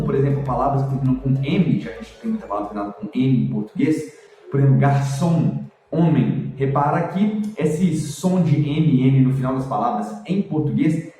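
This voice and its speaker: A man, an English teacher, explaining pronunciation points in a chatty, lively way and demonstrating sounds. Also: mid-range voice, very echoey, recorded from a distance, poor audio. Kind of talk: explanatory video lesson.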